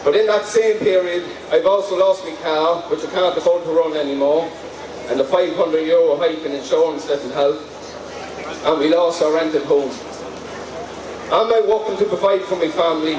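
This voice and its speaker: A man's voice: on the high side, fairly even intonation, normal speed. Irish man, echoey and distant, giving a speech. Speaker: speaker at a rally. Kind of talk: prepared personal speech. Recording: echoey, distant microphone, noisy background.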